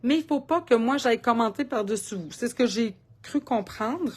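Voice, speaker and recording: A woman's voice: a little high, lively intonation, normal speed, darkish tone, breathy edge. A woman with a Québécois accent hosting a live card-making demo, chatting in a rambling, talkative way and laughing often. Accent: Québécois French.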